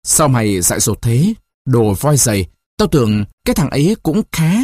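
A man's voice: medium pitch, sing-song, moderate pace, a little mellow, no echo, studio quality. A man reading a story, voicing an irritable old village scholar and father who talks curtly and scolds. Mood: stern. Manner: curt, scolding.

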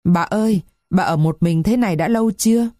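A woman's voice: fairly low pitch, a little fast, warm tone, dry recording, clean studio sound, close to an everyday voice. A woman voicing a frightened, orphaned fifteen-year-old girl who gives short, hesitant replies. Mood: uneasy.

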